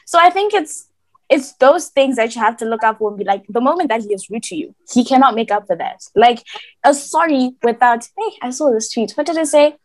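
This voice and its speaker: Young woman, slightly high voice, casual podcast chat, slangy animated storytelling. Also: fairly quick.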